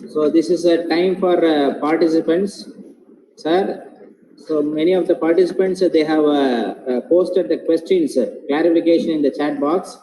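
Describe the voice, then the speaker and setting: A man's voice: a little high, moderate pace, mellow, reverberant, a little hiss or hum, low-quality recording. A man moderating a webinar, reading out audience questions politely and hesitantly with many fillers.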